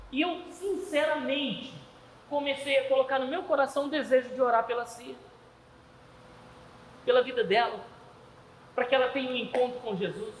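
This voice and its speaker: A Brazilian man preaching a sermon with a Brazilian Portuguese accent, telling stories in an animated way and doing the voices of people he quotes. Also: extremely high pitch, reverberant, in a large hall, slight background noise, low-quality recording. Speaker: pastor.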